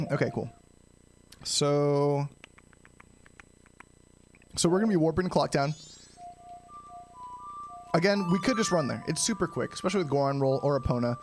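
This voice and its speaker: A man giving casual live speedrunner commentary, explaining each step of a game to viewers and often clearing his throat. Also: on the high side, moderate pace, long pauses, faint music behind. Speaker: speedrunner streaming a game challenge.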